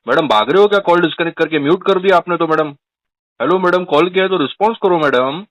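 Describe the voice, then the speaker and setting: A man's voice: on the high side, fast, fairly bright tone, no echo. A man with an Indian accent, a loan customer mocking and grilling a recovery agent on a phone call, sarcastic and insistent.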